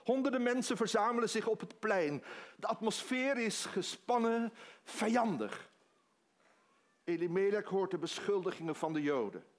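Man, preacher, high voice, dramatic story-style sermon. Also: animated, moderate pace. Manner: dramatic retelling with quoted dialogue.

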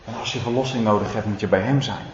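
A man preaching a sermon to a church congregation, swinging from loud proclaiming to low, intimate asides, and speaking to his listeners in a casual, direct way. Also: fast talker, a little hiss or hum. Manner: emphatic, building to loud proclaiming, then dropping low and intimate. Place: church service. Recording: roomy, slightly dull hall sound.

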